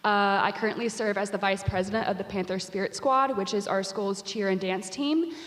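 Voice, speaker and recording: A woman's voice: medium pitch, fairly quick, a bit bright. Young woman from Texas in a hall. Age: young adult. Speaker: psychology student. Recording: reverberant hall.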